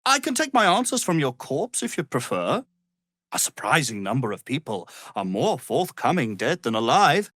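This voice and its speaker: An actor voices an arrogant, power-hungry wizard villain in a fantasy video game, sounding haughty, theatrical, and condescending. His male voice is fairly high and fairly bright, recorded at studio quality with no echo.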